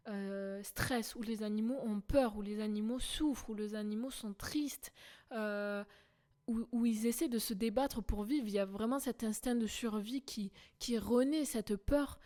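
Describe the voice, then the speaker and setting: A woman's voice: mid-range voice, mellow. A young woman hosting a podcast, talking in a casual, earnest monologue with frequent fillers and restarts. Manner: chatty and earnest, frequent fillers and self-repeats. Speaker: podcast host.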